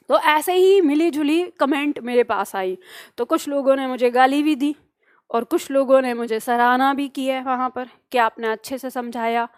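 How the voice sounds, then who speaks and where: A woman's voice: high-pitched, dry recording, clean studio sound. A woman teaching Hindi grammar in an earnest, argumentative lecture full of rhetorical questions. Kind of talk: classroom lecture at a whiteboard.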